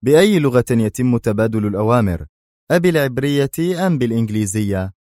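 A man's voice: mid-range voice, animated, fast, no room sound, clean studio sound, natural voice. A man voicing a stern male commando officer giving orders in a storybook reading. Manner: stern, forceful.

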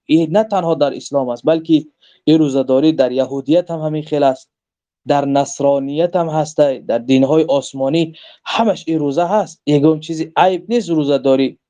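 A man's voice: fairly high pitch, dark tone, lo-fi sound. A man with a Tajik accent giving a religious lesson, reading from a book and explaining each quoted verse in earnest, emphatic tones. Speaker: religious teacher.

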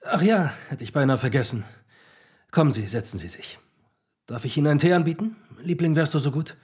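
A man's voice: a little high, lively intonation, a little fast, a little mellow, breathy edge. An actor playing a grown-up Harry Potter as a mild, placating family man in a radio play. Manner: mild, placating, slightly weary.

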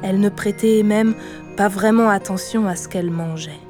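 A woman narrating a children's audiobook in a gentle, expressive reading voice. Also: mid-range voice, moderate pace, over music. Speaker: storyteller.

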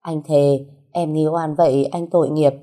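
A sickly young husband who dotes on his wife and pleads his innocence, as a woman voices him in an audio story. The voice is low, dark and husky, with a coaxing tone. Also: steady tone, measured pace. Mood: pleading.

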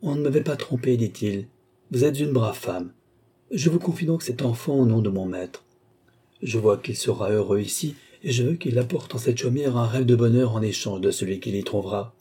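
A man voicing a courteous, proud young gentleman who speaks earnestly in a storybook reading. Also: medium pitch, moderate pace, slightly rough, lightly acted.

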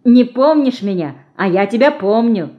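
A woman's voice: fairly high pitch, lively intonation, moderate pace, muffled recording, voice pushed up, natural voice. A woman voicing a sly, cocky teenage boy in an audiobook.

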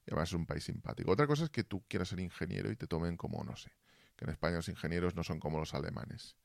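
Casting: deep-voiced male streamer, casual and fumbling with his mic, close dry sound. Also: quick pace, vocal fry, dry recording. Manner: fumbling with audio gear, asking chat for feedback. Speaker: Twitch streamer. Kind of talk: casual live-stream chat. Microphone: desk mic, then built-in computer mic.

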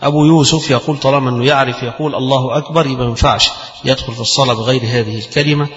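A man's voice: medium pitch, fairly even intonation, a bit bright. Egyptian man teaching in an echoing hall. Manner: explains texts in colloquial Egyptian Arabic, recites quoted rulings slowly. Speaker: Islamic scholar teaching fiqh. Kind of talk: religious lesson. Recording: roomy, long reverb, dull lo-fi sound.

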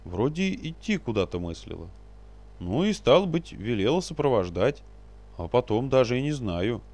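A man's voice: mid-range voice, sing-song, normal speed, darkish tone, voice pushed up. A man reading a story aloud and voicing a cautious, reluctant old male warrior who hems and mumbles.

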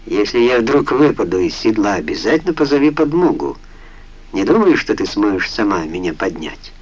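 A man's voice: fairly low pitch, very animated, normal speed, husky, highs cut off. A man reading the lines of a proud pasha who teases and talks bluntly. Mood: teasing. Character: teasing proud pasha, male, adult.

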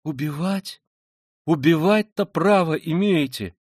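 A man's voice: on the high side, normal speed, dry recording, studio quality, voice pushed up, natural voice. Man doing a pious young woman, imploring, trembling outbursts, raised voice, audiobook. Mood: shocked. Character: meek pious young woman, fervent and pleading. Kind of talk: dramatic audiobook reading.

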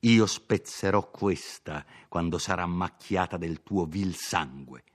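Haughty violent nobleman, commanding and contemptuous, slow deliberate delivery, read by a man, storybook drama. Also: sits low. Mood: imperious, contemptuous.

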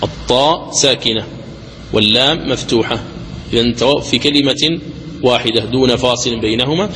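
A man at a mid pitch lectures on the rules of Quran recitation, steady and methodical. He goes over each condition twice and draws the sample words out slowly, half-chanted. His voice rings in a reverberant hall over a faint hum of background noise. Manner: deliberate, repeats each rule, slows to chant examples.

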